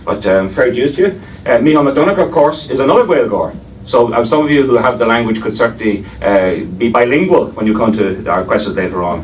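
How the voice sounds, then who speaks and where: An Irish man with an expressive, brisk mid-range voice chairs a panel in a lecture room before an audience. He introduces the speakers with wry, digressive asides and hesitates often. The mic is distant and there's faint background noise.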